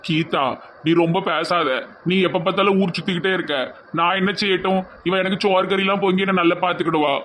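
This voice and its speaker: A woman voicing a lazy husband who took a second wife, in a gruff, lowered voice with a Tirunelveli Tamil accent. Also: fairly even intonation, quick pace, a little hiss or hum, natural voice.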